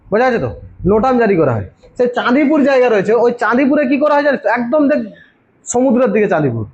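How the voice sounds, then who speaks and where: Man, very high voice, coaching teacher, quizzing students, self-answering, dull lo-fi sound. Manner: quizzes students constantly, answers his own questions. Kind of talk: informal classroom lecture. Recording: dull lo-fi recording.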